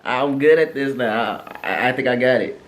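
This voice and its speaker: A man in his thirties co-hosting a couple's channel, chatting in a relaxed, joking, slangy way. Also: mid-range voice, moderate pace. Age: 30s. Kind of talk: casual chat.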